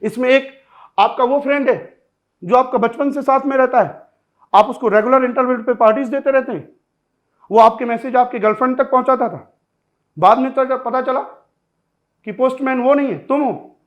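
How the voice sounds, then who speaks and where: A man teaching pronunciation in a classroom-style lesson, lively and joking, talking straight to his students. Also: very high-pitched, moderate pace, pauses often, muffled recording.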